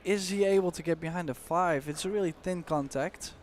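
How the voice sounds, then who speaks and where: A man giving expert analysis on a pool match as co-commentator, explaining shots in a measured way with casual fillers. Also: sits high, slight background noise. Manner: explanatory, measured, uses fillers like "you know".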